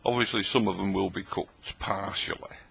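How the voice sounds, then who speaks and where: Gravelly low-voiced man vlogging. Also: steady tone, normal speed, a bit bright. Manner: chatty, rambling, jokey, talks while eating. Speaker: vlogger tasting old tinned food. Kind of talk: casual late-night vlog talk. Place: at home at a table, late at night.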